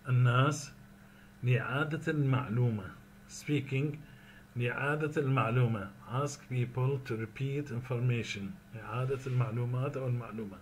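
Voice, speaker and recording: A man with an Iraqi accent teaching an English lesson, reading each phrase slowly, repeating it, then translating it. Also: medium pitch, slight background noise.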